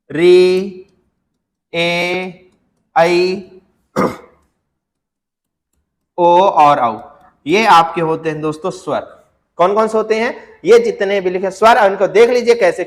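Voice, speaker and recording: A male teacher with a fairly high voice gives an exam-prep lecture. He asks his students questions and answers them himself, and he draws words out to demonstrate. His voice rings with a long reverb.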